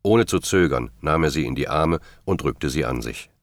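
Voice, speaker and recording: A man reading a novel aloud in steady, measured narration. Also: rumbling low, dry recording, clean studio sound. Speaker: audiobook narrator. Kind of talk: scripted narration.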